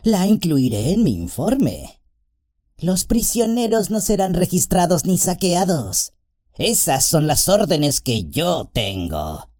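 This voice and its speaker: A man voicing a sly, malevolent male orc messenger in an audiobook, his voice softer and sweeter than the others, sneering and mocking. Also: a little high, very animated, slow pace, voice pushed up. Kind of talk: audiobook character voice.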